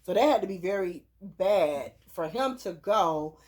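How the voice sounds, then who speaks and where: A woman with a lowish voice talks through a casual chat. She sounds earnest and a little preachy as she gives advice, and she often restarts and repeats her words. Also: lively intonation, measured pace, a little mellow, slightly rough. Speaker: host.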